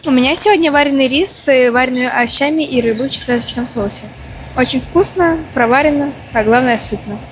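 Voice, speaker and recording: A woman with a high voice chats casually to the camera about her meal, pausing and thinking aloud as she works out what she is eating. Faint music sits in the background. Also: poor audio. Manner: hesitant, thinking aloud with fillers. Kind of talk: casual on-camera food commentary.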